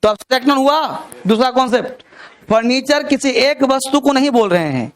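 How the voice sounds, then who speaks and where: Man, very high voice, resonant and clear, classroom grammar lecture, rhetorical questions to students. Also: animated, fairly quick. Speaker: English grammar teacher.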